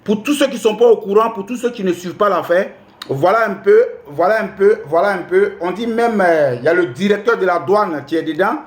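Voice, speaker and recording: A man's voice: high-pitched, brisk, echoey room. A man, commenting on the news in casual speech, exasperated and pleading, repeating himself.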